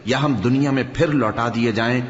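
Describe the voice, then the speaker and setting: A man reading a scripture translation aloud in a measured, solemn way, dropping low at the end of each verse. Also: steady tone. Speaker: scripture reader. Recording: reverberant, dull lo-fi hall recording.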